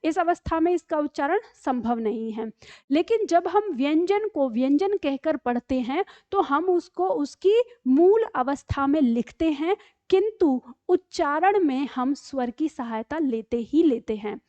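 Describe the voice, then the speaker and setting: A high-voiced woman teaching an online lesson. She explains patiently, step by step, and keeps checking that her students follow. The sound is dry and a little dull, with no room echo. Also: animated, a little slow, dark tone. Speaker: Hindi teacher.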